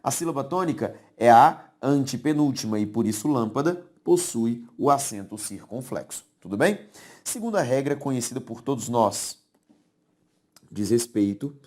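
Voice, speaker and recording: A man with a Brazilian Portuguese accent lectures a classroom on grammar rules, explaining slowly, repeating key words, and often checking that the class is following. His voice is medium-pitched and a little mellow, with lively intonation.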